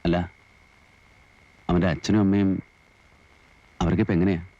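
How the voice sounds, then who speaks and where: A brooding male lodger with a very deep, subdued voice, slightly dull and lo-fi in an old 1980s film soundtrack. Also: level tone, unhurried, warm tone. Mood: wistful.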